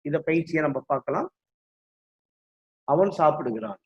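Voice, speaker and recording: Male English tutor, patient drill style, raised pitch, dull lo-fi audio. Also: lively intonation, moderate pace, darkish tone, slightly rough. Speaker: English teacher. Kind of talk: classroom explanation in Tamil with English drills. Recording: dull lo-fi recording.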